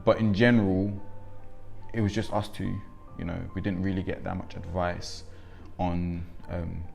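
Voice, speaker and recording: A low, gravelly, darkish male voice speaks flatly and a little slowly over faint music. He's a twenties-aged young father, Congo-born and England-raised, reflecting with many ums during a documentary interview.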